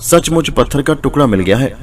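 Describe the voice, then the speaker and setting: A man voicing a meddlesome, scolding blacksmith's wife in a storybook tale, in a raised, shrill voice. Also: expressive, brisk, far from the mic, lightly acted. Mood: scheming. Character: scheming, nosy woman, blacksmith's wife.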